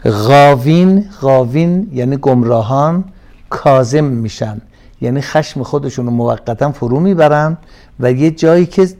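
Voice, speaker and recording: A man with a voice of ordinary pitch lectures on a classical religious text. He draws certain phrases out slowly and forcefully, then drops into relaxed, conversational explanation.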